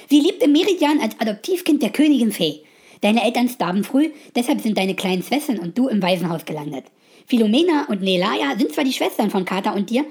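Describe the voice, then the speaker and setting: A woman voicing a gentle, forgetful female talking spider who chats softly and eagerly in an audio story. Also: fairly high pitch, slightly rough, full character voice. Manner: soft, warm-hearted, chatty.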